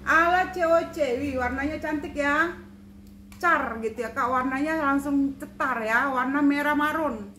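A woman pitches used bags on a live stream in a high, bright voice. She talks on and on, repeating each price and coaxing viewers with endearments. The room is roomy and echoey, with a faint hum of noise behind her. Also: unhurried. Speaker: online seller of second-hand bags.

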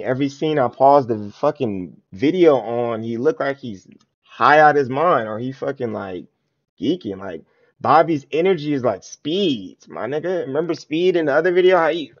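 A man's voice: medium pitch, vocal fry. Slangy male streamer talking to chat. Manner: loose slangy talk addressed to chat, frequent filler questions. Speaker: Twitch streamer reacting to a music video. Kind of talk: casual live-stream reaction chat. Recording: dull lo-fi stream audio.

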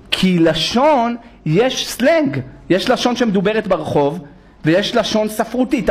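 Animated high-voiced rabbi preaching with jokes. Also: male voice. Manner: animated, jokey, full of impressions. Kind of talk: humorous sermon. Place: synagogue.

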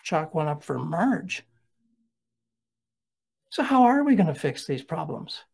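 A middle-aged man delivers a keynote talk in a husky, slightly breathy voice. He tells stories in a lively, conversational way, dropping in asides as he goes. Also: on the high side, slow pace. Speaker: keynote speaker.

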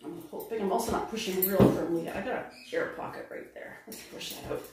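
A middle-aged woman rambles cheerfully about her day, thinking aloud as she works. Her voice reaches a phone set some distance away, so it rings around a hard, very echoey room. Steady household noise runs underneath. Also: mid-range voice, quick pace. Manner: chatty, thinks aloud while working. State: winded after a workout. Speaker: home vlogger. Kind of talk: casual running commentary. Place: home kitchen and dining room. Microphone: phone camera set across the room. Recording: roomy, distant phone audio with background noise.

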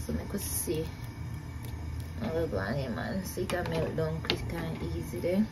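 A woman's voice: low voice, expressive, moderate pace, very noisy. A young woman with a Jamaican accent chatting casually as she cooks in her home kitchen, repeating herself and laughing at her own efforts. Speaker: cooking vlogger. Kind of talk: casual cook-along chat.

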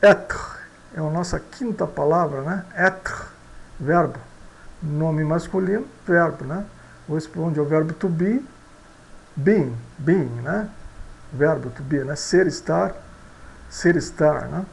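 A language teacher talks through a vocabulary lesson at an unhurried, careful pace. The voice has a gravelly, creaky edge. Each word is said twice, and most phrases close with a small tag question. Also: mid-range voice, poor audio. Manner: slow and deliberate, repeats words and asks a tag question after most phrases.

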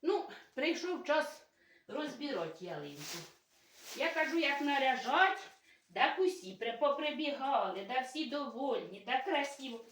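High, lively village woman cooing to her dogs. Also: moderate pace, recorded from a distance, slight background noise. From Ukraine. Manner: cooing baby talk to pets, playful and coaxing. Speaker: village vlogger. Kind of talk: casual home vlog, talking to her dogs. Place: indoors at a village home. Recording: roomy, from away from the mic.

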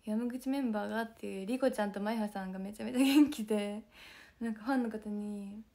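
A young woman with a hoarse voice chatting casually to fans on a livestream, talking softly and often slipping into a whisper. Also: medium pitch, steady tone, quick pace. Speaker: idol group member streaming to fans.

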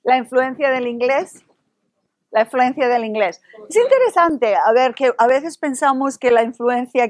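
A woman from Spain with a Spanish accent, a university Spanish instructor leading an interactive workshop in a lively, playful way and drawing answers from the audience. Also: high voice.

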